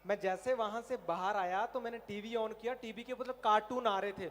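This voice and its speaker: A man from Himachal Pradesh doing animated stand-up comedy on an outdoor festival stage, telling stories. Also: high-pitched, normal speed, slight background noise. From Himachal Pradesh, India. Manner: animated storytelling, puts on animal and cartoon voices. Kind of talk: stand-up comedy at a college fair.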